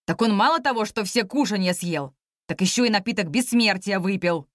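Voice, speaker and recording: A woman voicing a stern, mocking male celestial general in a storybook reading, speaking lower than her own voice and scolding. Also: animated, brisk, dry recording, studio quality, lightly acted. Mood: scornful.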